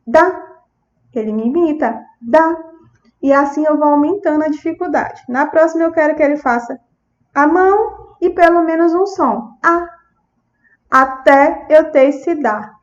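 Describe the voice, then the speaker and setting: High-voiced Brazilian woman teaching. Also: moderate pace, muffled recording. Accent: Brazilian Portuguese. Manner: demonstrates sounds and words to a child; checks in with the audience often. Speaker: speech therapist lecturer. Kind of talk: lecture with demonstrations.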